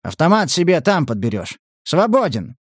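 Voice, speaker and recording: Guy doing a rough merc boss, barks short orders, kinda cold. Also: a little high, sing-song, normal speed, no echo, studio quality. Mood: curt commanding. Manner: curt barked orders. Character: gruff, foul-mouthed mercenary commander.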